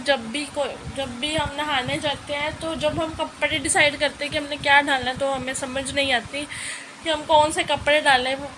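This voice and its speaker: A young woman with a cold and sore throat chatting casually at home in a home vlog, rambling and repeating herself. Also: high voice. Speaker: vlogger. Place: at home, indoors and on a terrace in rain. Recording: rain noise in background.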